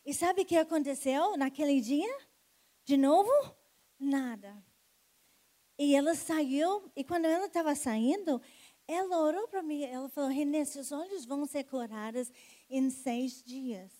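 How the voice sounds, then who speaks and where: A woman's voice: high-pitched, unhurried, dark tone. A woman preacher telling a healing testimony and calling people forward to pray. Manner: storytelling, calling people forward with rising energy. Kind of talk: sermon testimony and altar call.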